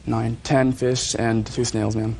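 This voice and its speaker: Male plaintiff, even and unvarying delivery, polite, matter-of-fact, some room noise around him. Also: medium pitch, takes it slowly, creaky. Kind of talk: courtroom testimony.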